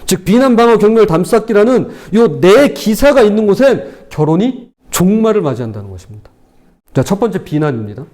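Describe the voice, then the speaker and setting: A man's voice: high voice, very animated, brisk, darkish tone. A male pastor preaching a sermon, animatedly acting out quarrelling spouses as examples.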